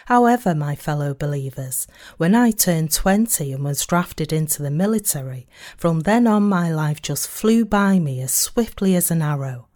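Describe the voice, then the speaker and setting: A woman reading a sermon aloud in a measured, earnest way, slowing down on key phrases. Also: on the low side, mellow. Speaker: sermon reader.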